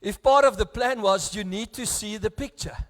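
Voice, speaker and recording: Emotional South African pastor in a hall. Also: male voice, sits high, normal speed. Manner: emotional, earnest, swings between hushed and raised. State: close to tears. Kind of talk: bilingual sermon. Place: church. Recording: echoey church hall.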